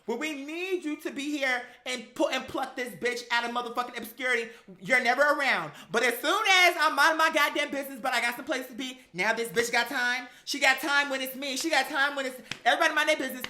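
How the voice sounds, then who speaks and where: She talks fast in a high-pitched, sharp voice, barely pausing at all. As an online talk show host, she chats casually through gossip and stories, sassy, profane, emphatic and dramatic throughout.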